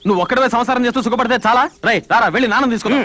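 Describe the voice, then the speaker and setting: An actor playing a brash, excitable younger brother in a family film drama. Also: male voice, very high-pitched, rapid-fire, no room sound, full character voice. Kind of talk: Telugu film dialogue.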